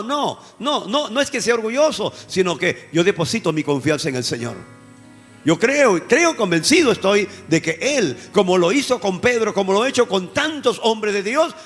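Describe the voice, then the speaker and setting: A man's voice: high-pitched, sing-song, normal speed, fairly bright tone. A male pastor from Peru preaching a sermon with passion, repeating key words for emphasis. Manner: impassioned preaching with repeated phrases. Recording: church hall reverb with faint music.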